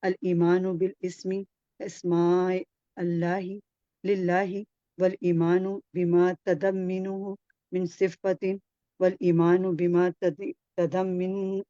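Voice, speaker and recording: Low hesitant woman student reading. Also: flat delivery, dark tone, no echo, lo-fi sound. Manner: hesitant, apologetic, slow. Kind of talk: reading aloud in an online class.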